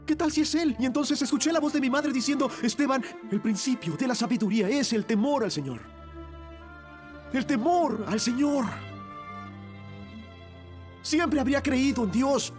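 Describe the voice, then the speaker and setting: A dying repentant thief. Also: male voice, very high voice. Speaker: narrator of a monologue. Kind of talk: dramatic film monologue, dubbed.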